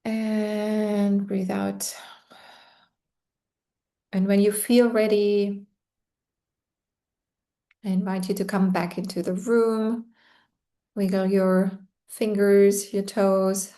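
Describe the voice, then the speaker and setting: A woman guiding a relaxation meditation in a slow, soothing way, with long pauses between phrases. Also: medium pitch, little pitch movement, dark tone. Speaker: meditation guide. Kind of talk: guided meditation.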